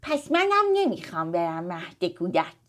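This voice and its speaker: A woman's voice: very high-pitched, animated, fairly bright tone, voice pushed up. A woman voicing a sleepy, sulky little girl with a whiny, squealing manner in a bedtime story.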